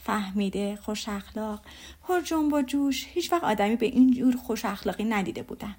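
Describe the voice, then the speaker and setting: A woman reading aloud voices a gentle, modest young woman who speaks softly. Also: medium pitch, close to an everyday voice.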